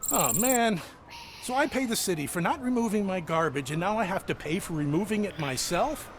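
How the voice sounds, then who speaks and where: A man's voice: high voice, expressive, brisk, a little hiss or hum. A man playing an indignant, whiny city resident protesting in a video game. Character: indignant male city resident whining about being fined.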